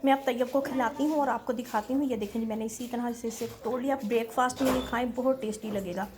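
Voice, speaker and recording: Chatty Pakistani mom vlogging at home. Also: female voice, fairly high pitch, fairly even intonation, fast. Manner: chatty, addresses viewers politely with "ji". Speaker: family vlogger and mother. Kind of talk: casual home vlog narration to viewers. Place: home kitchen and bedroom, indoors. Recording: household background noise.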